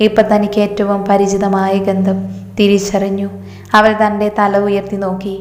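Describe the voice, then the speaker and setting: A woman with a Malayali accent, giving a steady, measured scripted narration of a romance story. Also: medium pitch. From Kerala. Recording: echoey hall reverb.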